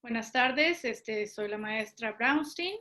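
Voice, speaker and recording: Higher-pitched woman, hesitantly introducing an orientation. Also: takes it slowly, sharp tone. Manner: hesitant, searching for words. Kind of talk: live spoken orientation introduction.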